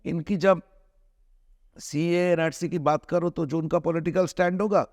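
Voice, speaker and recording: A middle-aged man from India, a film director giving an interview, arguing his points earnestly with many restarts and drawn-out hesitations. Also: a little high, fairly even intonation, no echo, studio quality. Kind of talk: conversational interview, mixing Hindi and English.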